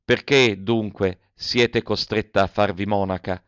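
A man reading a gentle, sorrowful young man. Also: on the low side, steady tone, measured pace, clear, resonant tone, no room sound. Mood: earnest. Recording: dull, dry lo-fi audiobook recording.

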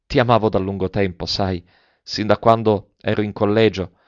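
A man's voice: on the low side, level tone, normal speed, no room sound, lightly acted. A man reading aloud and voicing a young man who pleads and declares his love fervently, in a dull and slightly muffled recording.

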